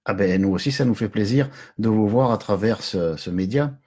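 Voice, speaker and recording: Low husky-voiced man hosting a live chat. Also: moderate pace, darkish tone. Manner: chatty, jokey, chuckles often. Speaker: live stream host. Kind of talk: casual live chat greeting viewers.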